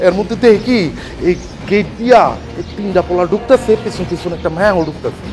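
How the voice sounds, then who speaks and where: A man's voice: high voice, brisk, natural voice. An actor playing a young male house caretaker, fussy and scheming, speaking in an anxious way. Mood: fretful. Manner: anxious, calls everyone uncle-in-law. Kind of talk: TV comedy drama. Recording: music bed under dialogue.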